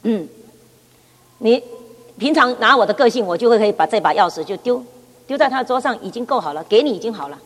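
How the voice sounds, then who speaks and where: A middle-aged woman shares her personal testimony at church, with a somewhat high voice. She tells the story in a lively way and keeps repeating words as she goes. Her voice rings with the long reverb of a hall. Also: brisk, long pauses. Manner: lively storytelling with frequent repetitions. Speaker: church speaker giving testimony.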